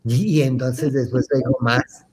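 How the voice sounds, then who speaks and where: A man's voice: medium pitch, steady tone, unhurried, a little mellow, husky. A man telling a gossip story in a campy, theatrical way, calling his listeners "hermanitas". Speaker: host.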